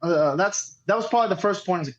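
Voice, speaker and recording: Speaking briskly in a high voice, a cornhole player recounts a story as a podcast guest, with the recording's highs cut off. The telling is casual and rambling, full of swearing and quotations from others.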